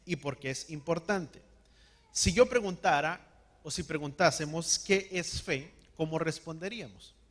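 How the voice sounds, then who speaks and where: A man preaching a sermon, calling on the congregation to repeat words after him and slowing down to stress key words. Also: a little high. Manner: call-and-response, has the congregation repeat words. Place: church hall.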